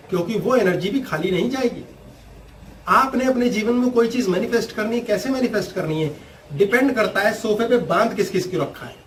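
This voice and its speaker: A man giving an earnest spiritual talk, telling a story and explaining its meaning. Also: sits high. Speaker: spiritual teacher. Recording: slightly distant mic, faint background noise.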